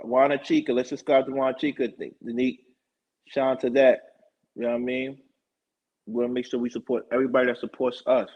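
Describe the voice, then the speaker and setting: A man hosting his own live talk show, rambling through shout-outs and sponsor plugs in casual chat. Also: mid-range voice, husky. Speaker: show host. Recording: dull lo-fi stream audio.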